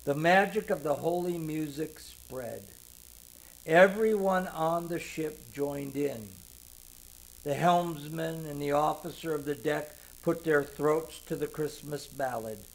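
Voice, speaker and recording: An older man narrating a sentimental story in the first person, slow and heartfelt. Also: fairly high pitch, low-quality recording.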